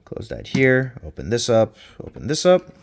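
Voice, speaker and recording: A rambling, chatty man talks through a toy review at an ordinary pitch, tossing in a casual curse now and then. His voice rings with an echoey room reverb that hangs on every phrase. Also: big pitch swings, normal speed. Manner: chatty, rambling, with playful swearing.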